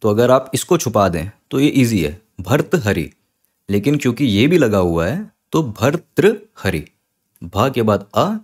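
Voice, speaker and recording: A man teaching an online Sanskrit lesson, patiently spelling words out slowly, sound by sound. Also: mid-range voice, sing-song, a little mellow, breathy edge.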